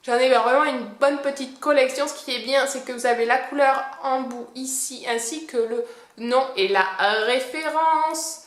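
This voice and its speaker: A beauty vlogger chats casually through a makeup product review in an echoey room. Her voice sits high at a normal speed, and she sounds hesitant and self-deprecating, often searching for words.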